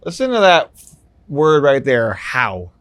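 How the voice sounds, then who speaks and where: A man's voice: mid-range voice, very animated, slow pace, a bit bright. A man talking to camera as a music YouTuber, explaining things casually and then ranting, repeating himself as he gets worked up.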